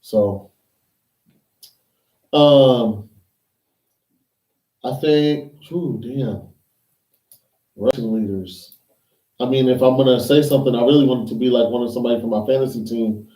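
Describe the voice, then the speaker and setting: A man's voice: medium pitch, measured pace, pauses often, dark tone. A man co-hosting a podcast, chatting casually about football and teasing his co-host. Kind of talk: casual sports chat. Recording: roomy echo, mic at a distance.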